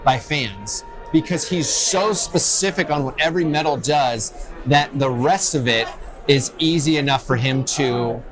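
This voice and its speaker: A podcast co-host with a medium-pitched, unhurried voice talks enthusiastically and opinionatedly in a casual fan discussion. It was recorded at a noisy convention in a loud festival venue, with loud music behind him.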